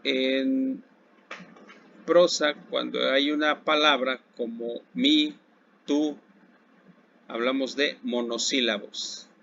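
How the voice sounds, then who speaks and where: A man with a Mexican accent teaching a recorded Spanish lesson to secondary school students. He speaks slowly and deliberately, asking a question and then answering it himself. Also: medium pitch, steady tone, vocal fry, fairly bright tone. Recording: dull lo-fi recording with faint background hiss.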